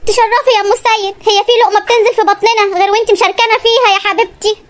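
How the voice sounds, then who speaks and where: A patient, put-upon Egyptian housewife from a comic cartoon, played by a woman, polite on the surface and exasperated underneath. Her voice is squeaky and very high, and she speaks in quick bursts. She has an Egyptian Arabic accent. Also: flat delivery. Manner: polite, sweet, exasperated asides. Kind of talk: cartoon comedy voice acting.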